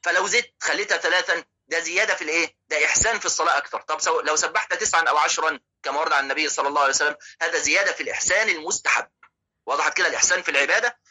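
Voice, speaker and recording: Rapid, sharp-voiced Egyptian teacher. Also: male voice, fairly high pitch, rough recording. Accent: Egyptian Arabic. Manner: explanatory, poses rhetorical questions and checks in with listeners. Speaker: religious teacher. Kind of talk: religious lesson explaining hadith.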